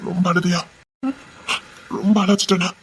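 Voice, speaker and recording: A man's voice: high-pitched, little pitch movement, normal speed, breathy edge, heavily acted. A young man playing a devoted, apologetic lover in a web series drama, coaxing and pleading affectionately. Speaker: actor.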